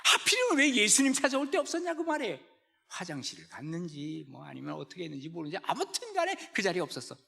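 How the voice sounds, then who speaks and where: A male pastor delivers a sermon in a church sanctuary. His voice sits high for a man and is bright and ringing. His pitch swoops widely as he keeps quizzing the congregation. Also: huge pitch swings, fast talker, creaky.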